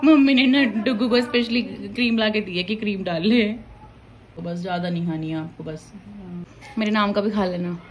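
A young woman vlogger with a medium-pitched voice chats casually and teasingly at a normal speed in a family vlog shot on a phone. The setting is her home, both indoors and on a rooftop, and the high frequencies are cut off.

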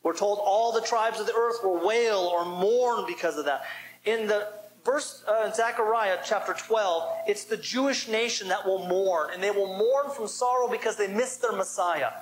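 A man's voice: high-pitched, normal speed, slight background noise, low-quality recording. A man preaching a sermon as pastor, emphatic and calling for responses from the congregation.

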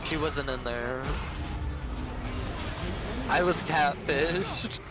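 A man's voice: fairly high pitch, lively intonation, extremely slow, loud music behind the voice. A man chatting on voice chat during a game, joking around and swearing playfully. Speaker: friend on voice chat. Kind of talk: casual gaming chat.

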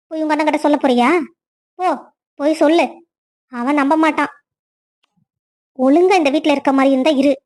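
A woman's voice: high voice, a little mellow, close to an everyday voice. A woman voicing a bossy, taunting stepmother in a cartoon family story. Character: scolding, spiteful stepmother, middle-aged.

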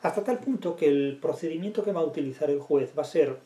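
Guy lecturing on literature, reads bits of a novel out loud, wanders off on tangents and asks himself questions, mellow voice, roomy echo. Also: fairly high pitch, fast. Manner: digressive, with rhetorical questions and restarts. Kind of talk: academic lecture with read-aloud passages.

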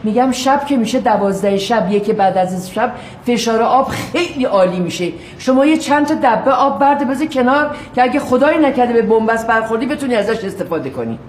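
A woman's voice: a little high, lively intonation, few pauses, slight background noise, close to an everyday voice. An actress playing a pushy, overfamiliar woman next door in a sitcom, insistent and chatty. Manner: insistent, overfamiliar, keeps calling her by the wrong name. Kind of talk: sitcom acting. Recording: roomy echo.

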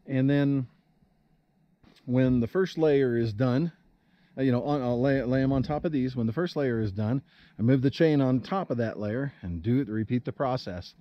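A man hosting a casual vlog outdoors in a forest clearing, explaining his work in a chatty, plain-spoken, joking way, recorded on a handheld camera. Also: mid-range voice, moderate pace, no echo, lo-fi sound. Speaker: vlog host.

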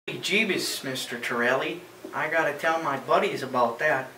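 A man's voice: a little high, moderate pace, pushed and bright. A teenage male playing a gee-whiz, eager little boy customer in a hard sell infomercial skit. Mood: eager awe. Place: small bare indoor office room. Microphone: camera a few feet away. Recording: echoey small room, distant mic, faint noise.

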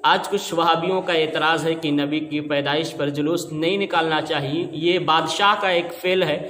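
Bright-voiced male preacher, echoey hall. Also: a little high, fairly even intonation, a little hiss or hum. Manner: emphatic, argumentative. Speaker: Islamic preacher. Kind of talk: religious lecture to camera. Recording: echoey room with long reverb.

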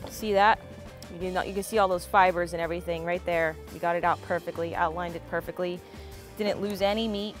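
A woman's voice: lowish voice, steady tone, fairly quick, faint music behind. A young woman hosting a fishing and cooking vlog, enthusiastically explaining each step as she fillets fish and makes sushi. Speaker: fishing and cooking channel host.

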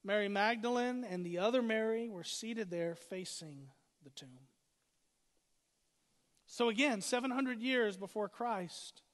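A man with a fairly high voice delivers a sermon as pastor. He stacks short, punchy phrases to drive his points home. His voice rings out with a long reverb, as in a large hall. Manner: preaching with emphatic repetition and rising emphasis.

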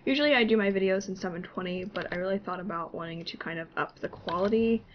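This woman talks fast in a mid-range voice, congested from a cold, over a muffled recording with slight background noise. She's a gaming YouTuber chatting casually as she plays, laughing and self-deprecating, with a desktop mic and no webcam.

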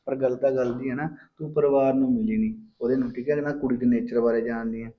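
A man's voice: mid-range voice, fairly even intonation, quick pace, muffled recording, natural voice. An actor playing a skeptical husband with a Punjabi accent, questioning his wife. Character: skeptical young husband, lecturing. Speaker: husband in a family drama. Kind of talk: Punjabi short film acting.

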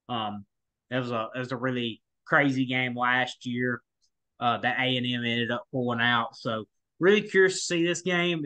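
Bright-voiced male sports podcaster. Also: mid-range voice. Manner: rambling, many restarts and fillers. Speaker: podcast co-host. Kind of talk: casual sports talk.

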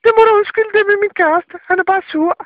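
A prank caller voicing a squeaky, chirpy character named Myggen on a dull phone line.

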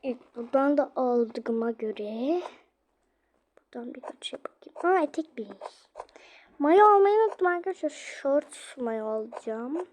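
A woman's voice: high-pitched, expressive, unhurried, a little mellow. A young woman narrating casually as she plays, chatting straight to her viewers. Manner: chatty, addressing viewers directly. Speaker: vlogger. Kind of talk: casual game play narration.

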